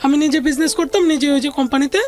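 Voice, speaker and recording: Quick and high-pitched, with a slightly mellow quality, a woman's voice relates a personal story. She has a Bangladeshi accent and is a guest in an interview, speaking easygoing Bengali laced with a few English business words over underlying music.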